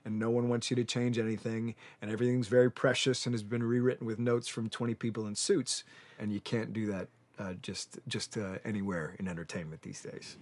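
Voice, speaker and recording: A man speaking thoughtfully in an interview, measured and a little halting. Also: lowish voice, little pitch movement, darkish tone. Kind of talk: interview commentary.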